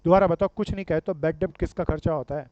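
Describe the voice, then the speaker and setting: A man's voice: fairly high pitch, racing, a little mellow, no echo. A man teaching a commerce class, quizzing his students and calling them dear friends and brother. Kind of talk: classroom lecture with questions to students. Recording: dull lo-fi sound.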